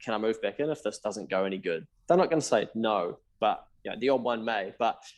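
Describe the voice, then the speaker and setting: Kiwi guy in his 30s yarning on a podcast, bit low voiced, swears a fair bit, acts out what people said. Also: lively intonation, brisk. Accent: New Zealand. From New Zealand. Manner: candid, swears casually, acts out his own past dialogue. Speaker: podcast guest, accountant and business founder. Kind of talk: casual storytelling chat.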